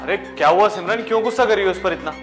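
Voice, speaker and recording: A man's voice: high-pitched, racing, faint music behind, lightly acted. An actor playing a snobbish, rude male office worker who sneers at others while fawning over his boss. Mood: sneering. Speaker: office operator.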